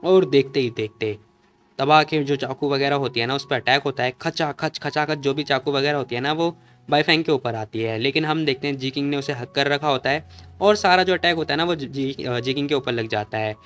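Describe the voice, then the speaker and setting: A man's voice: mid-range voice, a little fast, a bit bright, soft background music. A man narrating a story recap in a casual, chatty way full of fillers.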